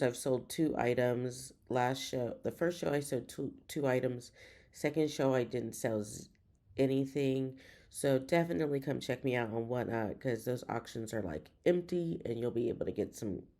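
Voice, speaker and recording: A woman's voice: very deep voice, dark tone. A woman giving a casual, chatty vlog update as a reseller, winded and rambling along upbeat. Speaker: reseller vlogger.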